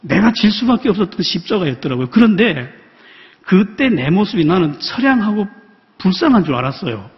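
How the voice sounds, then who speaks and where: Man telling a halting sermon testimony. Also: sits high, sing-song. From North Korea. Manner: halting, reflective storytelling with frequent pauses and fillers. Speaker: missionary preacher. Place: large church sanctuary. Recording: dull, reverberant church hall sound.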